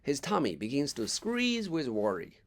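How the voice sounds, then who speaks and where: An English teacher reads a children's story aloud expressively, with small slips and asides along the way. His voice is medium-pitched and his pace moderate.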